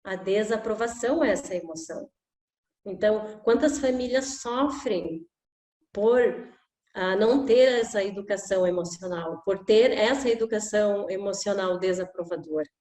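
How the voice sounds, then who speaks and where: A woman's voice: mid-range voice, normal speed, darkish tone. Woman, echoey room. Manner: conversational, with frequent "né?" tags and acted examples. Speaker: emotional education coach. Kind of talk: informal talk to camera.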